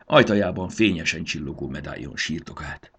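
Male storybook narrator, expressive, husky and low. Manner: expressive, sing-song storytelling.

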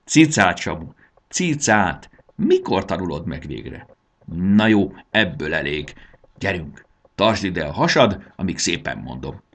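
Man putting on a bossy schoolgirl, scolding, sharp-tongued, high and husky, lively. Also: heavily acted.

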